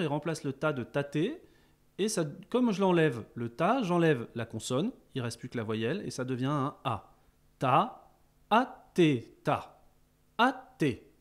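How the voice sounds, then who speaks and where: A man teaching a beginners' rhythm lesson, explaining calmly between chanted counting exercises. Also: fairly high pitch. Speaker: music teacher.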